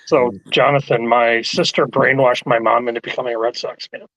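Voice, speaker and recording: A man's voice: mid-range voice, steady tone, brisk, a bit bright, muffled recording. A man telling teasing anecdotes in a casual live-stream chat.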